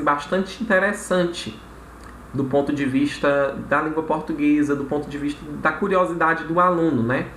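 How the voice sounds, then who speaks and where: A man's voice: fairly high pitch, fairly bright tone. A man teaching a recorded grammar lesson, explaining step by step and checking in with frequent tag questions. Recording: echoey room with faint noise.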